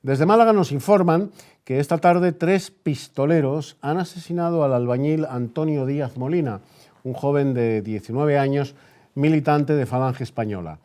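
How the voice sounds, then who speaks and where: With a mellow, slightly high voice at an ordinary pace, a Spanish-accented man from Spain hosts radio news-presenter style, reading an old-time bulletin before a studio interview.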